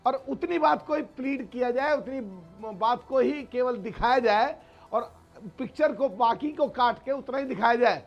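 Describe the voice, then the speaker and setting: Very high-voiced man arguing forcefully. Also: muffled recording. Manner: forceful, insistent, repeats words for emphasis. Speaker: political panelist. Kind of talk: heated TV debate argument.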